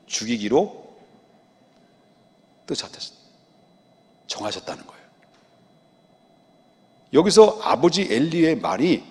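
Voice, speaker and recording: A man's voice: on the high side, a little mellow. A man, the senior pastor, preaching an expository sermon in a church sanctuary and pressing the congregation with rhetorical questions. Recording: reverberant church hall.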